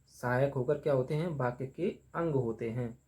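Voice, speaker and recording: A man whose mid-range voice is a little mellow leads a grammar lesson, raising questions and then answering them. As he writes on the board, he repeats each term slowly.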